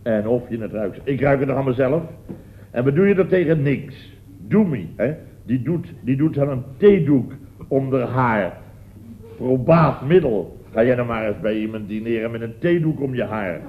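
An actor playing a blustering, boisterous middle-aged boss of a building firm in a 1960s radio comedy. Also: male voice, mid-range voice, expressive, moderate pace, close to an everyday voice. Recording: dull old radio recording with faint hiss.

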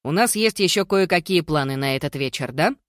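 A breezy young man, as an audiobook reader puts him on, teasing and a little impatient. He talks casually and pushes back quickly. Close, dry sound. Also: on the high side, lively intonation, fairly bright tone, no echo.

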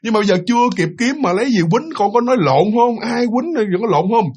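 A man's voice: extremely high pitch, lively intonation, fast, darkish tone, pitched above the performer's own voice. A man voicing a worried, scolding middle-aged mother who asks questions with exasperation. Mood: exasperated.

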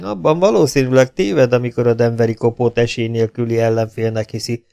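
A man's voice: mid-range voice, steady tone, creaky, warm tone, clean tone, natural voice. A man voicing a fearless, gray-haired army colonel who speaks bluntly and sternly.

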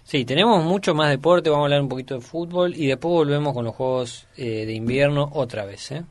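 A man's voice: fairly high pitch, fairly quick. A man with an Argentine accent hosting sports radio, reading out news quotes and reacting wryly. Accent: Argentine Spanish. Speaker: radio show host.

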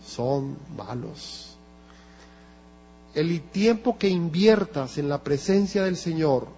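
A man with a Colombian Spanish accent preaching a sermon in a church, slow and emphatic, asking the congregation rhetorical questions. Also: high voice, slightly rough. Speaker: pastor. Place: church hall. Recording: lo-fi church recording with long reverb and mains hum.

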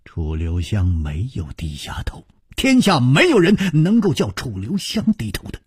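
A man telling a martial-arts story in a broadcast storytelling style, drawing out his phrases with a lively rise and fall. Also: fairly low pitch, a little slow, slightly rough, no room sound, studio quality.

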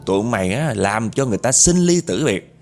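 A man voicing a calm, stern male exorcist who speaks with firm, threatening commands. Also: fairly low pitch, fairly quick, soft background music.

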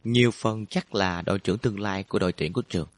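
A man narrating a storybook in a steady, even way. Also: lowish voice, fast talker, no room sound. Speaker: audiobook narrator.

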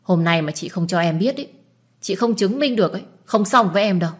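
A woman's voice: medium pitch, animated, slightly rough. A woman voicing a nosy, blunt young woman who pesters and scolds in an audiobook. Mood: pushy. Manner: pushy, quick to scold. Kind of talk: audiobook dialogue.

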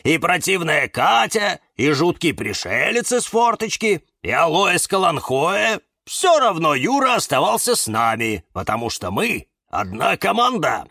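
Man voicing a firm cactus guy, reassuring, bit higher than normal. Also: sing-song, unhurried, creaky, few pauses, pushed and bright, breathy edge, dry recording, clean studio sound, exaggerated voice. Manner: firm, snorting. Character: steady, reassuring male cactus.

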